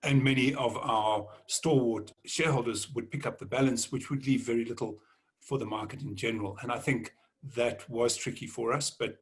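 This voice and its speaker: A man answering on a panel, halting and often repeating words as he thinks. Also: mid-range voice, husky. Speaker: panelist, mining executive.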